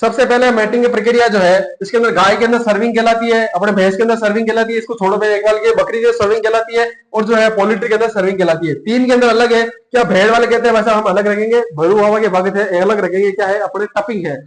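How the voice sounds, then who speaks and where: Rajasthani male coaching teacher: quick, high, self-questioning patter, roomy classroom sound. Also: fairly even intonation. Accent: Rajasthani Hindi. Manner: chatty, repeats points and asks himself questions. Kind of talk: classroom lecture with memory tricks.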